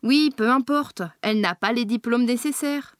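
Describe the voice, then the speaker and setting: Woman playing a fed-up receptionist, curt and a little high, dry sound. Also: animated, brisk, a bit bright, dry recording. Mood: annoyed. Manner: curt, annoyed. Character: weary, irritated woman receptionist.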